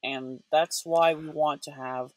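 A man's voice: a little high, steady tone, slow, dry recording. A man co-hosting a podcast, musing in casual chat with a thoughtful, rambling manner. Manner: thoughtful, rambling, many fillers and restarts. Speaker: podcast co-host.

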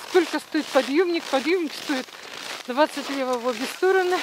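Woman, high voice, excited travel vlog chat, outdoors on snow, loud wind noise. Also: normal speed. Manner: chatty, excited, exclaiming. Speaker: travel vlogger. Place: outdoors on a snowy ski slope and chairlift. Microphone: action camera worn on the body.

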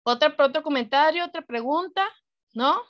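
High-voiced Mexican woman teaching a class. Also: normal speed, a bit bright, lo-fi sound. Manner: explains patiently, often asking the class questions. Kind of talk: online class lecture.

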